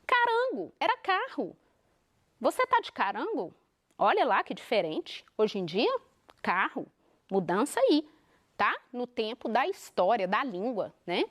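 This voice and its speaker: A woman teacher from Minas Gerais with a Minas Gerais accent, explaining a televised lesson in an animated way and asking the class rhetorical questions. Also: on the high side, measured pace. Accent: Minas Gerais Brazilian Portuguese. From Minas Gerais, Brazil.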